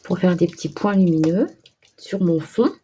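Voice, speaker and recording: A woman's voice: lowish voice, normal speed, mellow, a little hiss or hum. A woman chatting casually as she works on an art journal page, thinking aloud with hesitations and small self-mocking remarks. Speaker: craft vlogger. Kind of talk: casual crafting commentary.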